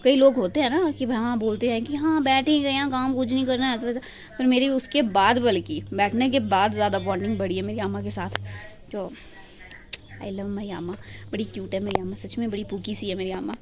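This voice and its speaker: A woman's voice: mid-range voice, fairly even intonation, a little fast, a crowd in the background, low-quality recording. Chatty young woman vlogging at home. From Himachal Pradesh, India. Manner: chatty and affectionate, talking to the viewers while doing chores. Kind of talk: casual home vlog chat. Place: home, indoors.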